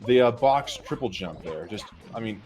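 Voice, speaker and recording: Male caster, low-ish voice, steady and measured, hesitant between plays. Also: faint music behind. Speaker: speedrun commentator. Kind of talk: live game commentary.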